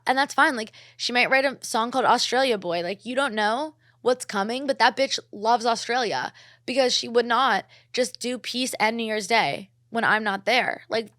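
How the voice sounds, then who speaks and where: A woman's voice: medium pitch, fairly bright tone, no room sound. Gushing young woman podcast host, dry close mic. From New Jersey, USA. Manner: gushing, filler-heavy, swears freely. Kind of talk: casual solo podcast chat.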